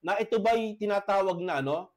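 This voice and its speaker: Male pastor, high voice, coughing, halting debate speaker on a video call. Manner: halting, many tag questions. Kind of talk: debate presentation.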